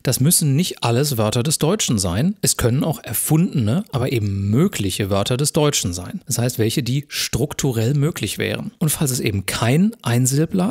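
A man giving a recorded university lecture, working through exam questions step by step in a calm, methodical way and speaking directly to his viewers. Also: medium pitch, husky.

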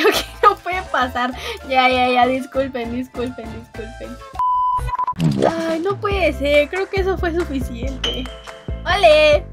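Very high-pitched excitable woman. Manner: excitable, laughs a lot, bursts into exclamations. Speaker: gaming video host. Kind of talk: excited gameplay commentary.

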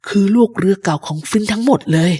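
A woman voicing a sick old male pirate captain who craves rum, talking slowly and low with strain. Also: warm tone, slight background noise, lightly acted. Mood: secretive. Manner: slow, low, strained speech. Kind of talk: storybook reading.

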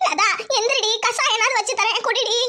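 A woman's voice: very high-pitched, steady tone, a little fast, bright, forceful tone. A woman voicing a bossy, scolding old village grandmother in a cartoon. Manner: scolding, nagging. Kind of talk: cartoon voice acting.

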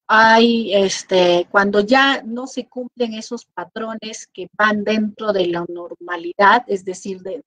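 A middle-aged Peruvian woman teaches an online class, speaking with an animated lilt and dropping into quick acted-out voices. Her voice sits at an ordinary pitch and the sound is dry and close. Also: dry recording, poor audio. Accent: Peruvian Spanish. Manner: animated, acts out quoted people with lively voices.

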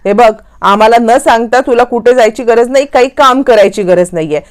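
A woman voicing a panicky, harsh mother-in-law who talks in a shrill, accusing way. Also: brisk, close to an everyday voice.

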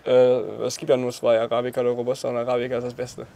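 Talking casually in front of a graffiti wall, this Portuguese choreographer in his twenties has a medium-pitched, slightly mellow voice and a completely flat delivery, racing along as he's interviewed outdoors. He laughs often between phrases, and there's slight background noise.

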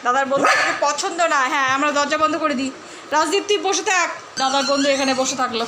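A very high-pitched woman films a home vlog, chatting to viewers and calling out her dog in rapid, repeated commands. The room is echoey, and steady background noise sits under her voice. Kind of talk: casual home vlog narration. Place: inside a home.

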